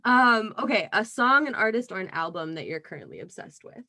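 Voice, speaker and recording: A woman's voice: medium pitch, expressive, fairly quick, creaky, pushed and bright. A woman hosting a casual podcast interview, upbeat and giggly, encouraging her guest. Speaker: podcast host.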